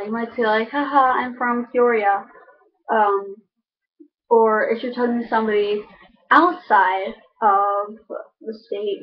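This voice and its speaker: Casting: young woman, Chicago accent, fairly high voice, casual rambling vlogger delivery, dull lo-fi recording. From Chicago suburbs, United States. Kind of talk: casual chat to camera. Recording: dull lo-fi microphone.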